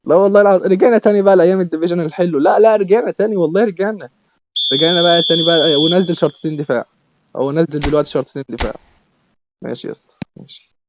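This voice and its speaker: A young Egyptian man gives rapid commentary on his own gameplay, firing off words in excited, repeated bursts. His voice sits slightly high, and clear background noise runs under the recording. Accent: Egyptian Arabic. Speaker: gaming YouTuber.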